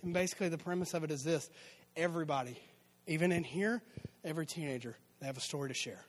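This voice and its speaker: A man's voice: fairly high pitch, fast. A man, a youth and children's pastor giving upbeat, joking church announcements. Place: church auditorium.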